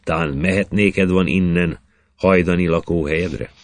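A man's voice: sits low, fairly even intonation, slight background noise. A man voicing a commanding mistress of the north, chanting her lines like a spell.

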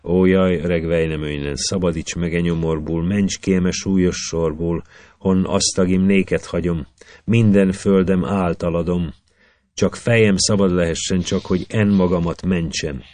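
A man's voice: low voice, fairly even intonation, a little mellow, no echo, natural voice. A man voicing a trapped young man who pleads and bargains in rhythmic verse. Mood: pleading.

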